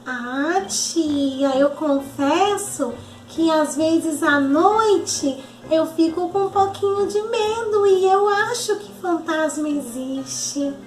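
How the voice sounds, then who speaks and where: A timid little girl, put on by a woman teacher, speaking in a high, slow and shy way. The voice sounds roomy, with faint music playing behind. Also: darkish tone.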